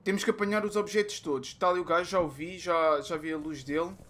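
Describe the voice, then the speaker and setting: A young man with a European Portuguese accent, commentating a horror game, muttering to himself and bursting into shouts. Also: fairly high pitch, fairly even intonation, quick pace. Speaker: gaming youtuber.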